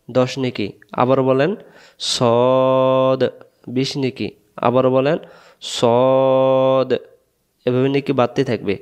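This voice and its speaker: A man's voice: medium pitch, darkish tone, dull audio. A man teaching Quran reading, drilling Arabic letters syllable by syllable, drawing out each sound and asking learners to repeat after him. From Bangladesh. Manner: drawn-out syllables, asks students to repeat. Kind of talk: slow step-by-step letter drill lesson.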